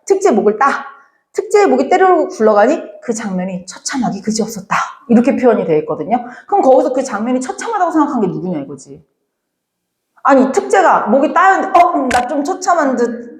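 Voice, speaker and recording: Animated woman teacher in an echoey classroom. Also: fairly high pitch, quick pace. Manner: lively, acts out characters' lines, addresses students directly. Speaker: Korean literature teacher. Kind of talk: classroom lecture.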